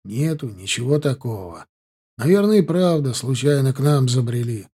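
A man voicing a practical, hurried male senior sergeant who talks in quick, breathy bursts. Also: mid-range voice, expressive, mellow. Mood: urging.

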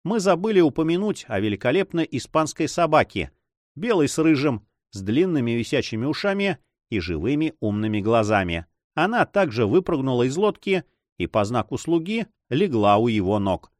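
A man reading an adventure novel aloud as narrator, in an expressive storytelling manner. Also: medium pitch, moderate pace, no echo, clean studio sound. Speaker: audiobook narrator. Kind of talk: scripted narration.

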